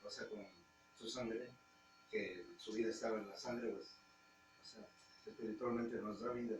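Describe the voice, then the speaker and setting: A man's voice: on the low side, steady tone, moderate pace. A man, a congregation member who tentatively adds his thoughts during a Bible-study discussion. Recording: roomy church hall, distant mic, faint hum.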